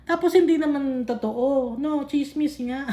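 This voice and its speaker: A woman's voice: sits high, measured pace, mellow. A woman teaching a casual Bible study in mixed Tagalog and English, chatty and scolding, laughing often. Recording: echoey room.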